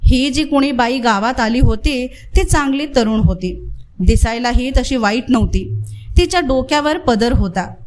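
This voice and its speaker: A woman narrating a village story aloud in a lively, expressive reading. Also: on the high side, a little slow.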